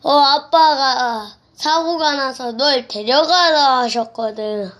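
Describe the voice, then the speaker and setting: A child voicing a rough-voiced ghost who tricks a kid into opening the door, teasing and playful. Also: male voice, extremely high pitch, takes it slowly, fairly bright tone, full character voice. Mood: coaxing. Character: rough-voiced male ghost pretending to be a woman.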